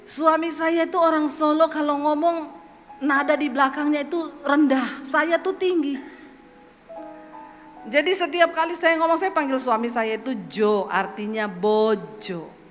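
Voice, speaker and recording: A woman pastor from Sulawesi preaches and tells her life story in a high, bright-pitched voice with lively, humorous flair. Her words ring through a church hall with a long echo. Soft music plays beneath her. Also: measured pace. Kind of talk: sermon with personal testimony.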